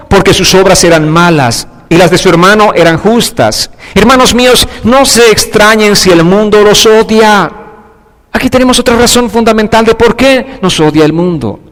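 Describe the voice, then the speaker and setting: A man preaching a sermon, his voice sitting high for a man. He drops to hushed, low lines and then climbs into raised, emphatic declarations, and a long reverb trails behind him in a church hall. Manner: swings between quiet low passages and raised, emphatic preaching. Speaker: pastor.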